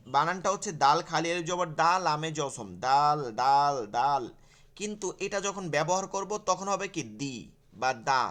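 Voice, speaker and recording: A man's voice: on the high side, sharp tone. A man teaching an online Quran class, explaining step by step, repeating key terms and asking and answering his own questions.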